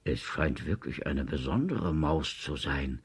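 Man doing a low grumbly director guy, slow and husky, kids' story. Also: sing-song, a little mellow, full character voice. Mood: puzzled. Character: gruff deliberate male company director.

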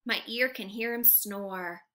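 A young woman reads aloud to small children at home in the living room, sounding like a teacher. Her medium-pitched voice moves slowly, animated and exaggerated, with each word clearly enunciated as she asks the little learners simple questions.

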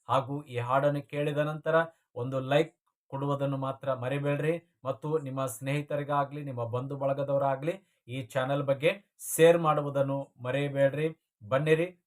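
A man of average pitch addresses his viewers in a measured, preacher-like manner. He builds up his introduction to a devotional song with blessings and warm calls to join in prayer. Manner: formal preacher-like cadence with repeated blessings.

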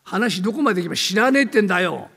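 An older man from Tokyo with a downtown Tokyo accent, playing a brash, bullying male tenant in a comic storytelling act, gruff and teasing. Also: high-pitched, expressive, racing, a bit bright, big-room sound, heavily acted. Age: 70s. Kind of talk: rakugo storytelling.

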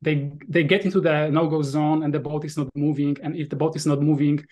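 The voice here sits on the high side, darkish and flat, moving fairly quickly. It belongs to a Polish-accented man in his thirties, a VR sailing app developer answering casual interview questions as a video-call guest, pondering aloud with many fillers and restarts.

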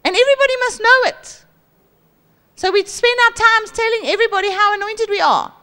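South african lady preaching on stage, highish voice, does mocking braggy voices, holds a mic. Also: fairly quick. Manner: lively, acts out boastful voices with high pitch jumps. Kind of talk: sermon. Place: large church hall stage. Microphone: handheld mic.

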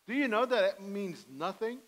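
A man's voice: high voice, big pitch swings, moderate pace, a bit bright, rough recording. A middle-aged man preaching a sermon from a church pulpit, earnest and pleading, on a headset mic. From Armenian heritage. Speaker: pastor. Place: church sanctuary, indoors, medium size.

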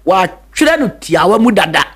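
A man's voice: high-pitched, big pitch swings, moderate pace, a bit bright, slightly rough. A Ghanaian man preaching a radio sermon in Twi and English, emphatic, repeating key words, with hesitant fillers.

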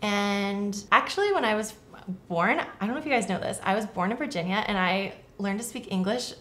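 A woman's voice: medium pitch, a little fast, fairly bright tone. A young woman from southern Florida, co-hosting a casual chat and talking in a chatty, rambling way with lots of fillers. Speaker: co-host.

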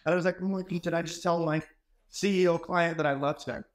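A man's voice: on the high side, steady tone, fast talker. A man in his forties giving a motivational keynote in an ornate wood-paneled hall, telling stories in an emphatic, conversational way into a handheld microphone. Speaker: keynote speaker.

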